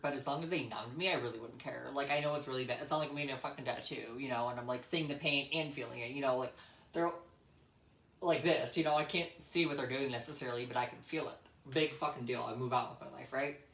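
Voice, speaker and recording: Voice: mid-range voice, gravelly, a bit bright. A young adult vlogger talks in a casual, rambling storytelling style, recorded in an echoey room. The delivery is blunt and emphatic, circling back to repeat points and swearing freely.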